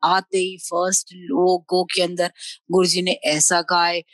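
A woman's voice: fairly low pitch, a little slow, no room sound. Middle-aged woman telling a devotional story. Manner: lively storyteller mixing Hindi and English, acting out quoted speech. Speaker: devotee sharing a testimony. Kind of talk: personal testimony storytelling.

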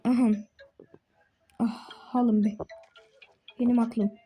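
A woman giving chatty gameplay commentary as a channel host, talking to herself and to other players and getting quickly frustrated. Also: on the high side, flat delivery, mellow, husky, faint music behind.

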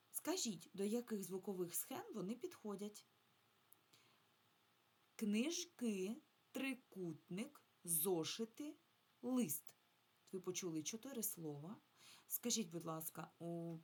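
A woman teaches young children to read in a slow, patient lesson. Her voice sits low and a little husky. She stretches out each sound and syllable so the class can follow. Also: darkish tone. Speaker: primary school teacher.

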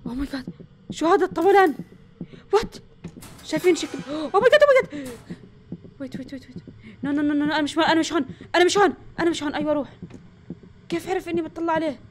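A woman with a Levantine Arabic accent hosting a let's play, talking through the game excitedly and breaking into panicky bursts of repeated words. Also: sits high, very fast, pauses often, a little hiss or hum. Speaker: gaming channel host.

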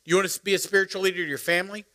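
A middle-aged man, preaching a sermon as pastor, animated and joking as he calls on the congregation. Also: high voice, rapid-fire. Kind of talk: sermon with storytelling. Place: church sanctuary.

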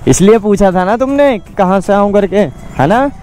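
A man's voice: high voice, animated, normal speed, darkish tone, slight background noise. Young man coaxing and pleading, outdoors. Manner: pleading and coaxing, repeats "yaar" a lot. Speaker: vlogger. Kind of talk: casual chat on a street vlog. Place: outdoors on a busy town street.

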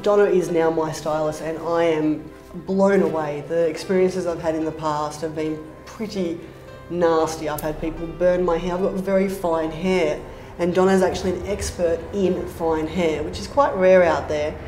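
A woman's voice: low voice, fairly even intonation, moderate pace, mellow. A woman in her thirties hosting a promotional interview, effusive and full of praise, seated in a bare room. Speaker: interviewer and host. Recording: echoey room with music under it.

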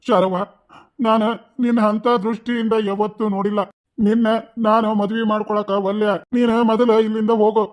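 A quarrelsome village man from a cartoon scolds bluntly, as a man acts him out. His voice sits fairly high for a man. He fires off short, gruff rebukes. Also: flat delivery, moderate pace, lightly acted. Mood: firm. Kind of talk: cartoon dialogue.

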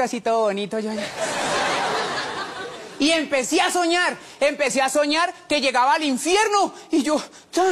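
Very high-voiced comic on stage. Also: male voice. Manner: animated, acts out voices, laughs through lines. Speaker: stand-up comedian. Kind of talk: stand-up storytelling. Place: comedy stage before a live audience. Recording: live show with audience and noise.

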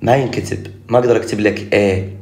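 Iraqi guy teaching english phonics, lowish voice, sounds out each letter slow. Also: steady tone, creaky, a little mellow. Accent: Iraqi Arabic. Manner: slow, drawn-out sounding-out of words; direct, instructs the viewer. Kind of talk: recorded online lesson.

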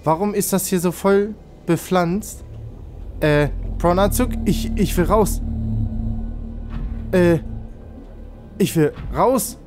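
A man hosting a let's play, talking through the game as he goes. He gets excitable, yelps at close calls and pleads with his vehicle to cooperate. Faint game music plays behind him. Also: high-pitched, slow pace, long pauses. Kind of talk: gameplay commentary.

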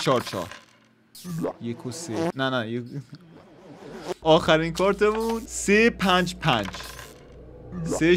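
A man commentating a dice game he is playing, counting rolls aloud and swearing or cheering at the results. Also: fairly high pitch. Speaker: gaming YouTuber. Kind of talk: casual let's-play commentary. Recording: game music behind voice.

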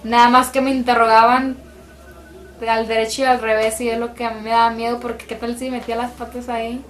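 A young woman recounting her experience in a lively, colloquial way in a small dormitory room. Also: on the high side, a little fast. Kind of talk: interview, personal account. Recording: roomy echo.

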